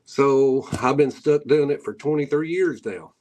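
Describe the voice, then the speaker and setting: This middle-aged paranormal investigator, a guest in an interview, tells stories casually in an Appalachian hillbilly drawl, folksy and rambling with rural grammar. His voice sits at medium pitch, a little slow and a little mellow.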